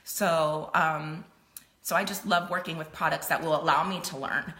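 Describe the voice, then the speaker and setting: Casting: chatty middle-aged woman host, bright tone, lower pitch, echoey room. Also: fairly even intonation, moderate pace. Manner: chatty, laughs often. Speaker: host selling makeup. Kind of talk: casual live-stream chat. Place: home room.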